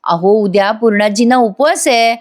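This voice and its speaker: A woman's voice: fairly high pitch, normal speed, lightly acted. A woman reading the lines of an earnest, confident young wife in a reassuring tone.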